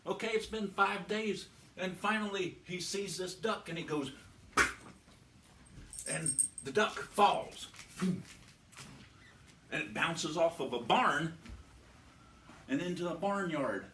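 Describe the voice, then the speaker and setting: A man's voice: high voice, takes it slowly, long pauses, a bit bright, a little hiss or hum. A man telling a long comic joke in a folksy, meandering way, full of restarts and fillers. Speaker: comedian. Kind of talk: rambling joke storytelling. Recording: roomy, distant mic, faint ambience.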